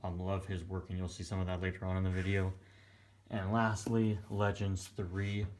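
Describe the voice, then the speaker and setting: A young man giving casual vlog narration in a quiet but clear, subdued voice, hesitant and a little tired. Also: low voice, little pitch movement, moderate pace, slight background noise. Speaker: comic collector presenting his purchases. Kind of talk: casual vlog narration over close-up shots of items. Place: small indoor room at home.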